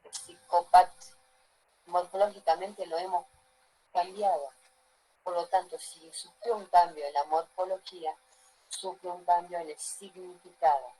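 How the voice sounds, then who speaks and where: Woman teacher giving a class lecture, lowish voice, keeps checking the students follow along. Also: fairly even intonation, unhurried, dark tone, slight background noise, poor audio. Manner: asks the class frequent check-in questions.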